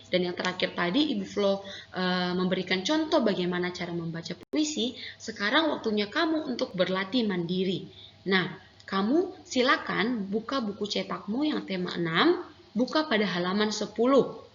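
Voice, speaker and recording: A woman's voice: mid-range voice, slight background noise. Patient Indonesian woman teaching children. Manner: gentle, patient, speaks slowly to children. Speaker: primary school teacher. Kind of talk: online lesson for young children. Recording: echoey room, slightly dull audio.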